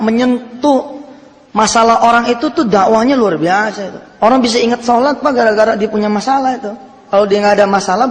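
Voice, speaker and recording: Animated preacher with hall reverb. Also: male voice, sits high. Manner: animated, swings between loud emphatic and hushed storytelling. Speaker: Islamic preacher. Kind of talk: sermon with storytelling.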